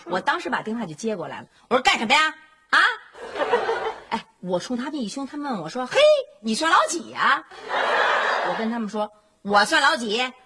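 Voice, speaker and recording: A woman's voice: on the high side, brisk. A woman playing a brash, feisty wife in a family sitcom who talks boldly and sharply. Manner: bold, sharp-tongued, animated. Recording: noisy TV sitcom soundtrack.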